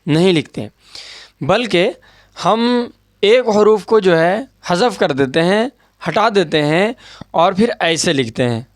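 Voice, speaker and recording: A man with a slightly high voice teaches a grammar lesson, patiently repeating each point and pausing to check that the class follows. The sound is dry and close, with no room echo. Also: animated. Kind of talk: board lesson explaining grammar.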